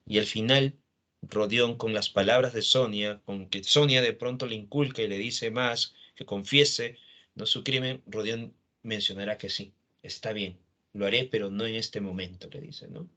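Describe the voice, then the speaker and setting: A man's voice: lowish voice, steady tone, normal speed, bright, forceful tone. A man teaching literature, retelling a novel's plot and quoting the characters' lines, often adding a questioning tag.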